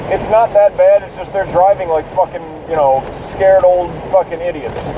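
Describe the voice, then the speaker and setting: This solo podcast comes from inside a car in a downpour, the host cursing other drivers as he rants casually. Rain and road noise fill the recording; his high voice is fairly even, moderately paced and far from the mic.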